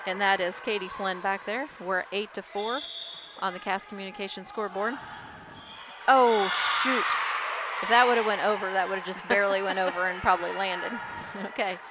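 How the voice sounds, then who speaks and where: A woman giving casual play-by-play commentary on a volleyball game, getting louder on big plays. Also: medium pitch, fairly even intonation, normal speed. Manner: chatty, casual, rises loudly on big plays. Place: school gym during a game. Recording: loud crowd and gym noise.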